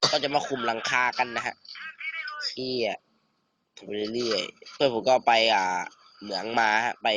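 A teenage man giving casual, excitable commentary over a survival game, swearing and bantering with a friend. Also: mid-range voice, noisy background. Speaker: gamer.

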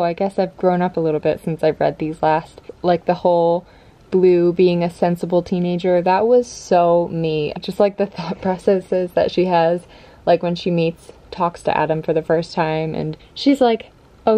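A young adult American woman, a book vlogger, chats casually and informally to camera from her bedroom at home, in a reflective mood. Her voice is lowish and mellow, and the recording picks up clear ambient room noise.

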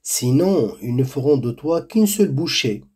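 A man voicing a kind, lonely old village woman in a storybook tale, who gently gives warnings. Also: medium pitch, expressive, a little slow, slightly rough.

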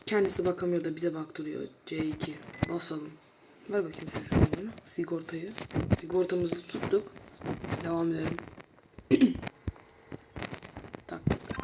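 A woman giving casual commentary on a horror game, chatting to her viewers and bursting out loudly at sudden moments. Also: lowish voice, level tone, moderate pace, pauses often, background noise. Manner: chatty, talks to viewers, sudden loud outbursts. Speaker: gaming channel host.

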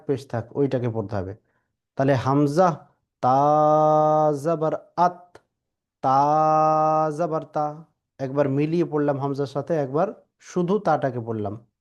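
A man teaching Quran reading, spelling out Arabic letters syllable by syllable in slow, drawn-out drills. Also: a little high, mellow, muffled recording.

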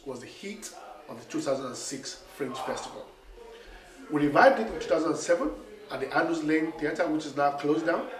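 A man in his forties, a playwright and director, has a cold and talks nasally to the camera about his play on a small theatre stage. His voice is a little high, and he narrates animatedly with hand gestures. A camera mic several metres away leaves him sounding far off in an echoey room.

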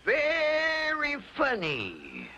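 A man's voice: very high-pitched, huge pitch swings, extremely slow, bright, forceful tone, heavily acted. A man voicing a joking, folksy old swamp dweller in a cartoon, talking in drawling backwoods slang. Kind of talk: 1950s cartoon voice acting. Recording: dull lo-fi soundtrack with music.

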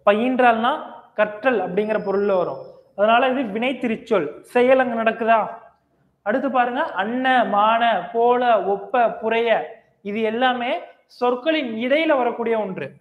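Male teacher with a high voice who drills a class with quick questions, heard in a boomy hall on a thin, phone-like recording. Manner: quizzes students, repeats key phrases. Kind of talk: classroom grammar lecture. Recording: echoey, tinny lo-fi hall recording.

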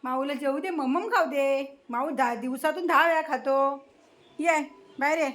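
A woman's voice: high voice, unhurried, a bit bright. A woman at home feeding her cat and dog, coaxing and scolding them in cooing baby talk, then greeting her viewers. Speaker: vlogger feeding her pets. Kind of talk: casual home vlog.

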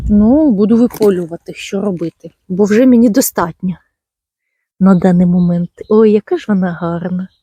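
A woman strolls through her garden talking casually to her viewers, fond and chatty, with lots of little endearments. Her voice is very dark and mellow with a husky, breathy edge. It sounds close and dry outdoors. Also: mid-range voice, no echo. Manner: chatty and fond, full of tender diminutives. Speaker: gardening channel host. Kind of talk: casual garden walk-and-talk.

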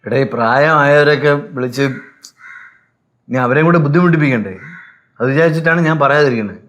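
An actor playing a stern, sensible uncle who scolds and reasons in a TV sitcom. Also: male voice, on the high side, brisk, fairly bright tone, dull audio, close to an everyday voice. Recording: TV sitcom with music underneath.

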